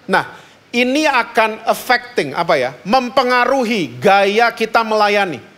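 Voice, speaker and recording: High-voiced Indonesian male pastor, joking. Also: very animated, measured pace, fairly bright tone. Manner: jokey, asks the congregation questions. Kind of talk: lively sermon.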